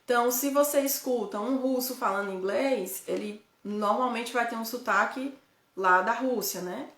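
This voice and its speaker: A woman from Ceará, Brazil, with a Northeastern Brazilian accent hosts a casual live chat for her viewers; she is a guide living abroad. Chatty and self-correcting, she often tags sentences with questions. Her fairly high, slightly bright voice moves at normal speed in a reverberant space.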